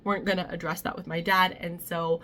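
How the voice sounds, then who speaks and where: Young woman, lowish pitch, bright tone, chatty storytime delivery full of fillers and restarts. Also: little pitch movement, brisk. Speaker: vlogger. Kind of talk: casual storytime.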